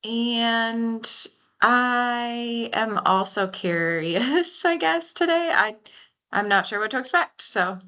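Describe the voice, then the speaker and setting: Bright, slow-talking woman introducing herself. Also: a little high, expressive. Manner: tentative, trailing off. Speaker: nursing instructor. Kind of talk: self-introduction on a video call. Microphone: video call.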